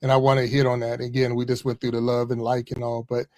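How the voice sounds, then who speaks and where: A man in his fifties, a former pastor, talking casually as a podcast guest, chatty and relaxed with frequent chuckles. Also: medium pitch, fast talker, no room sound, clean studio sound. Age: 50s. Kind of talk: casual conversational interview.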